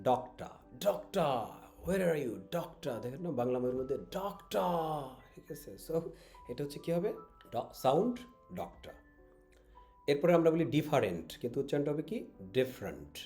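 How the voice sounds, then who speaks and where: A man with a Bangladeshi accent teaching English pronunciation online, repeating each word slowly and mixing in English phrases. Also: mid-range voice, dark tone. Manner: drills words with slow repetition; mixes English phrases into his talk.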